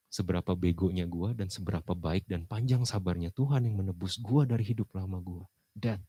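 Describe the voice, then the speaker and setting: A male pastor preaching casually, dropping English phrases into slang and jumping to loud emphasis. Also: deep voice, slightly rough, no echo. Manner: lively, with sudden loud emphasis. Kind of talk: sermon.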